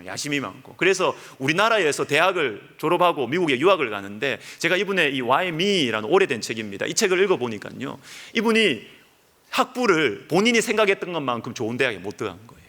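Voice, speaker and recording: A man preaching a Sunday sermon as pastor, lively, his voice rising high when he acts out prayers. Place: church sanctuary. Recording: church hall reverb.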